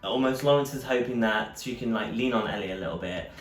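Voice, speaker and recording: A man's voice: mid-range voice, fast talker. A man co-hosting a casual review chat, agreeable and full of fillers. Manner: agreeable, many fillers and backchannels. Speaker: podcast co-host. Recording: echoey room, distant mic, faint music.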